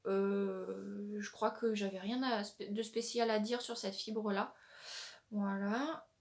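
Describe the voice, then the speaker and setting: A woman hosting a knitting podcast, chatting casually with many pauses and restarts as she shows her yarn. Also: mid-range voice, steady tone. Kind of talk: casual show-and-tell chat.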